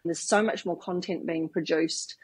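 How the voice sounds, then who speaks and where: Guesting on a podcast, this New Zealand woman in her fifties, a branding specialist with a New Zealand accent, talks casually and illustrates points with long, meandering examples. She speaks at a moderate pace in a lowish, steady voice with a breathy edge.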